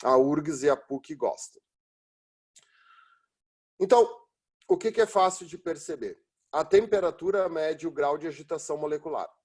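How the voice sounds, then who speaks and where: A man's voice: on the high side, normal speed, pauses often, a little mellow. A man teaching a recorded physics lesson, talking informally and explaining step by step by asking and then answering his own questions. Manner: informal and encouraging, with frequent tag questions. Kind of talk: recorded classroom lecture.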